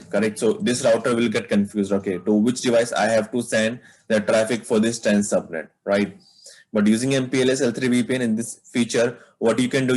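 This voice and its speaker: A man's voice: medium pitch, darkish tone, rough recording. Man teaching a networking class online. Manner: explains step by step, asks students questions, frequent "right?". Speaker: networking instructor. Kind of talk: live online class lecture.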